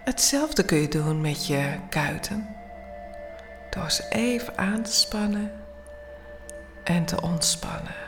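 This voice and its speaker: A woman leading a guided bedtime meditation in a soothing, hushed, often near-whispered voice with long pauses. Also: fairly low pitch, animated, over music. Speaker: guided relaxation instructor.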